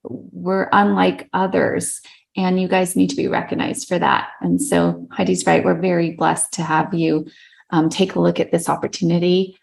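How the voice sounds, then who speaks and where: A woman co-founder thanking her new team on a video call, halting and grateful. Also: on the low side, fairly even intonation, vocal fry, darkish tone, low-quality recording. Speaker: business co-founder.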